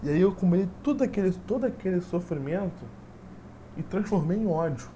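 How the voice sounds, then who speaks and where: A young man tells a personal story in a rapid, rambling stream, looping back on himself with fillers. His tone is dark and mellow, and a faint hiss sits under the recording. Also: sits high. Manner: rambling, repetitive, full of "tipo assim" fillers.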